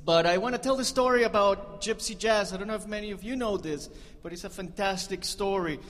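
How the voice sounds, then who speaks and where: A man fronting a band keeps up chatty banter with the crowd between songs, cracking jokes and laughing at them himself. He speaks briskly in a high, fairly bright voice, echoing with concert hall reverb.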